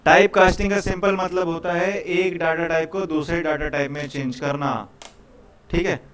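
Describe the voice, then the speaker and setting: A man from India teaches a live programming class in a casual, talkative style, frequently checking on his students and coaxing them along. He keeps repeating "ठीक है" and calling them "भाई," or brother. His voice is slightly high and fairly bright, delivered flatly at a moderate pace.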